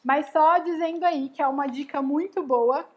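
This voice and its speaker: A woman's voice: sits high, moderate pace. A woman giving a casual live lesson, explaining step by step and often checking in with "né?" and "tá bom?". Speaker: educator giving a live class.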